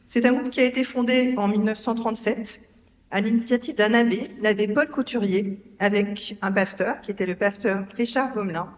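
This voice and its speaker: A woman's voice: medium pitch, fairly even intonation, moderate pace, lo-fi sound. Woman introducing speakers in an echoey church. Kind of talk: formal introduction.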